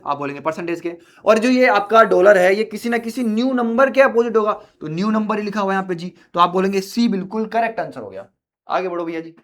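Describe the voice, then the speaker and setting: एक पुरुष शिक्षक, कक्षा में परीक्षा की तैयारी के लिए समझाते हुए। वह बातें दोहराता है और छात्रों को बाबूजी, भैया कहकर मनाते हुए पढ़ाता है।. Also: male voice, sits high, pushed and bright. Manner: repetitive, coaxing, addresses students as babuji and bhaiya. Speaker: reasoning teacher for exam prep. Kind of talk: classroom lecture at a board. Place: classroom.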